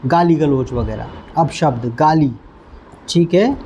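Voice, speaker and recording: A man gives a vocabulary lesson at a very slow, deliberate pace and says each word several times. His voice is mellow and dark, and a faint noise sits behind it. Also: fairly high pitch, muffled recording. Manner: slow, repetitive, stops to quiz the listener. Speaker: English teacher.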